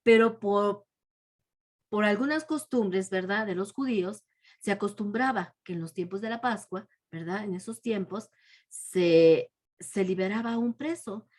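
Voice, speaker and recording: A woman teaching a children's Bible lesson, retelling the story and ending almost every phrase with a soft, falling question tag, with frequent restarts. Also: mid-range voice, measured pace.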